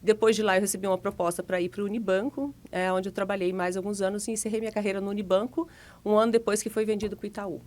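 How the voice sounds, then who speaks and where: A woman in her forties from Paraná, Brazil, a guest telling her story in a relaxed, chatty way with easy laughs. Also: medium pitch, fast talker. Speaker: guest, financial consultant. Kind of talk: relaxed interview conversation.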